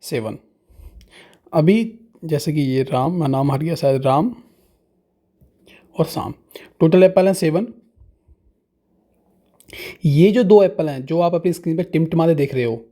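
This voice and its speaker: Patient man teaching, mellow voice. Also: fairly high pitch. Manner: slow, patient, asks questions and answers them himself. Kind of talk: explaining fractions to students.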